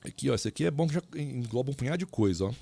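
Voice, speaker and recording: A man's voice: medium pitch, expressive, rapid-fire, gravelly, dark tone, dry recording. A man teaching a recorded engineering lecture in an informal way, speaking straight to his students with asides and restarts. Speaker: engineering professor.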